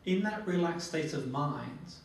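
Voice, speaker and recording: A man's voice: a little high, animated, a little slow, gravelly. Male trainer in a very echoey room. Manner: instructive, repeats phrases and checks with "okay". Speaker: phobia therapy trainer. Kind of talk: live training demonstration with guided relaxation. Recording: very echoey, distant mic, faint noise.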